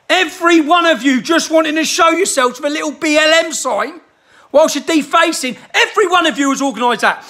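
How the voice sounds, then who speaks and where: A man delivering an angry, shouted political rant to camera, swearing heavily. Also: very high-pitched. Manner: furious, shouting, heavy swearing. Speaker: vlogger.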